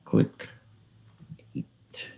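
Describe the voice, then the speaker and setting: A man's voice: extremely slow, dark tone. A man playing a tabletop miniatures game, calling out his moves in casual chat and joking to his pieces.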